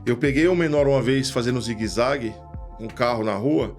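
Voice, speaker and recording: A man's voice: mid-range voice, brisk, soft background music. A man with a São Paulo accent telling stories casually, acting out the people he quotes. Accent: São Paulo Portuguese. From Brazil. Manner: animated, acts out quoted voices. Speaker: podcast guest, retired police lieutenant. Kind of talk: casual storytelling.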